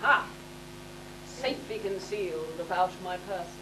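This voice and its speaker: A woman's voice: fairly low pitch, moderate pace, natural voice. A woman in an amateur stage pantomime playing Aladdin, a cheeky young hero, with playful, teasing delivery. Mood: cocky. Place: hall stage with audience, distant microphone. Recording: echoey hall, distant, crowd and noise.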